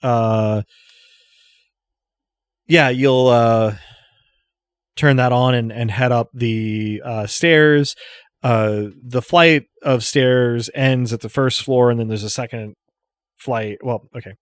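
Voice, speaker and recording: A man acting as game master, improvising casual narration in a halting way, thinking aloud as he goes. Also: medium pitch, steady tone, no echo, studio quality.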